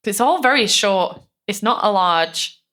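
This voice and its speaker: A woman's voice: mid-range voice, expressive, a little slow, a bit bright. A woman, chatting casually on a true-crime podcast and retelling events with lots of fillers. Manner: chatty, many fillers, acts out quotes. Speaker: podcast co-host telling the case.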